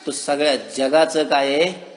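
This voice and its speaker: A man with a Marathi accent giving a devotional sermon, who keeps asking his listeners questions and answers them himself, and slows down to draw out verses. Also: fairly high pitch, steady tone, echoey room, big-room sound. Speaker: kirtan preacher.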